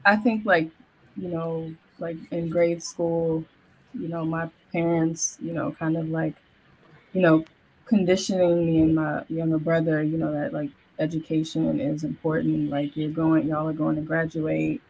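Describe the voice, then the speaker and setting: A woman's voice: low voice, little pitch movement, measured pace, vocal fry, dull audio, slight background noise. A young woman college student on a discussion panel, hesitant and full of fillers. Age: young adult.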